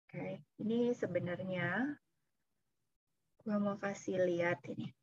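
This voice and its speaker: Speaking slowly in a medium-pitched, darkish voice, a woman insurance agent delivers a chatty, casual motivational talk via video call. She mixes in English phrases and laughs occasionally; the audio is dull and echo-free.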